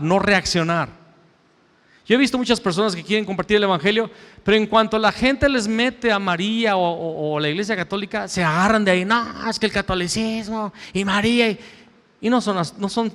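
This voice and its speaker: A male pastor preaching a sermon, swinging between loud raised lines and hushed low asides. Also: long reverb tail. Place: church sanctuary.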